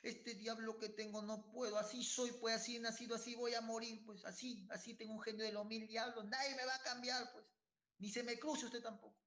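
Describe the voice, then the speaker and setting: A defiant, hot-tempered man swears he will never change, as a preacher puts him on. His voice rides high and bright with stubborn insistence. It rings through an echoey church hall. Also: flat delivery, brisk, full character voice.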